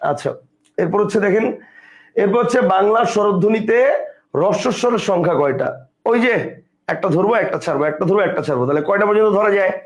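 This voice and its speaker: A man teaching an exam prep class, explaining step by step and asking and answering his own questions. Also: sits high.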